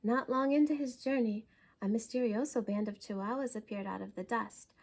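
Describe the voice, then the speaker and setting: A woman reading a children's storybook for a library story time, with expressive, deliberate and dramatic phrasing. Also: fairly high pitch.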